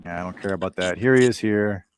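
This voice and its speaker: Blunt low-voiced male host. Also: fast, clear, resonant tone. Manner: blunt, repeats words as he starts sentences. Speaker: show host. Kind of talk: casual political chat.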